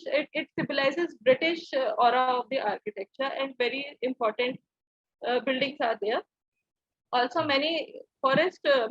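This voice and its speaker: A young woman with an Indian accent gives formal, halting, deferential answers as a candidate in a mock interview. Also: high-pitched, no room sound. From Dehradun, India. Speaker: civil service interview candidate. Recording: dull, lo-fi dry audio.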